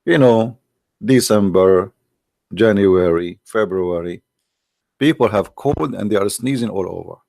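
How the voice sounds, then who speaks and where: Sarcastic man, low gravelly voice. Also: measured pace, darkish tone, no echo, clean studio sound. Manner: sarcastic, mocking. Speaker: online show host. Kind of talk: livestream commentary.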